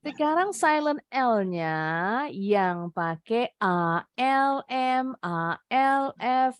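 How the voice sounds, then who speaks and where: A woman's voice: a little high, expressive, clean tone, no echo, studio quality. A young woman from Indonesia teaching an online English class to children, drilling words over and over and coaxing the pupils. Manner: drills words, repeats them slowly, coaxing. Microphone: computer mic on a video call.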